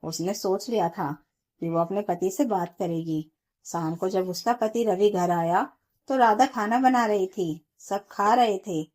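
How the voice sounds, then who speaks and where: A woman narrating an emotional family drama in a steady, earnest storytelling voice. Her pitch sits right in the middle. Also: a little slow.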